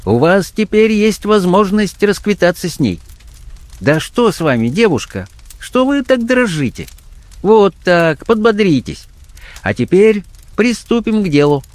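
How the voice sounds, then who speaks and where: A man's voice: sits high, very animated, unhurried, no room sound, voice pushed up. A man voicing a smug, menacing middle-aged male blackmailer, talking down in a sneering, condescending way. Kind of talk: audiobook character voice.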